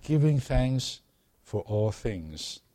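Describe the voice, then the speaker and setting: A man preaching a sermon to a congregation, earnest and unhurried, growing emphatic as he reads and explains scripture. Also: mid-range voice, very animated, mellow, dry recording. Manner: slow, earnest, calls for amens, rising to emphatic preaching.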